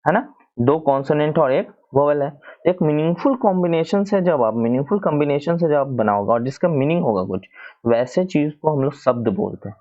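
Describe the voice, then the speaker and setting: Speaking Hindi with a Hindi accent, a man walks through English grammar slides step by step, frequently asking "है ना" and slowly spelling out words. His voice sits fairly high and sounds animated and warm, though the audio is lo-fi.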